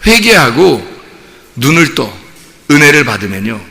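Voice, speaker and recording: A man preaching a Sunday sermon as pastor, animated, moving between loud emphatic bursts and soft chuckling asides. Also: medium pitch, a little slow, creaky, a little hiss or hum. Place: church sanctuary. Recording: church hall reverb.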